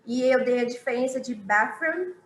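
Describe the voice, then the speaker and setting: A woman teaching a live online English lesson, explaining slowly, repeating example sentences and checking in with "ok?". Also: on the high side, roomy sound, a little hiss or hum, poor audio.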